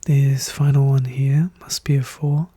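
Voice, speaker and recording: A hushed, soft-spoken, breathy voice, often whispering, calmly and methodically thinking aloud in an ASMR puzzle walkthrough. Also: medium pitch, unhurried, no echo. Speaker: puzzle solver narrating own play.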